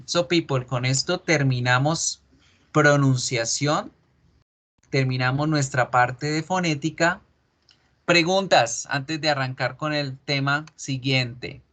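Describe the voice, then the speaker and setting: Slow-talking man teaching English pronunciation. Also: medium pitch, fairly bright tone. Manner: slow, drawn-out repetitions of sounds and words. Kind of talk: online class lecture on pronunciation.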